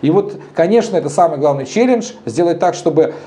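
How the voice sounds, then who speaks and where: A man's voice: a little high, fairly quick. A man in his thirties, a bar co-founder, talking frankly and animatedly as an interview guest in a dim bar. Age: 30s. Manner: animated, gesturing, frank and blunt. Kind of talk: casual interview talk.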